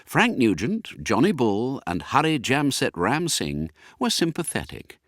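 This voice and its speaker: A man reads a school story aloud with great animation, his pitch ranging widely. The recording is dry and close, with no room sound. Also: unhurried, dry recording. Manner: lively, characterful reading. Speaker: audiobook narrator. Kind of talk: scripted narration.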